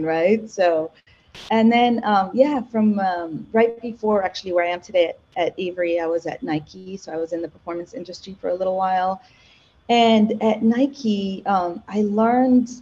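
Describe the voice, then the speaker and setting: A woman from Egypt, a podcast guest, telling her career story in casual, animated interview chat with frequent self-corrections. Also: on the low side, slightly rough, lo-fi sound. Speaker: podcast guest, marketing executive.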